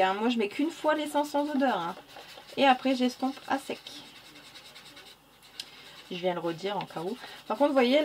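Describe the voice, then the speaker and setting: A woman with a non-standard French accent talks her way through a coloring tutorial in a relaxed, chatty way. She corrects herself often and keeps muttering "hop" as she works. Her voice sits a little high, with a faint hiss in the room behind it. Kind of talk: casual narrated drawing tutorial.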